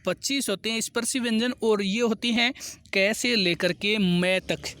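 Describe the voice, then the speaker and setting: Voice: mid-range voice, moderate pace, fairly bright tone. A teacher giving a grammar lesson for exam prep, working through questions one by one, repeating each answer and reading the question numbers in English.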